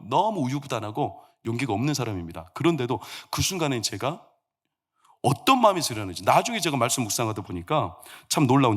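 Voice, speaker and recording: A man's voice: medium pitch, fairly bright tone. A man, the senior pastor, preaching a sermon in a church sanctuary and telling stories with humor and acted quotes.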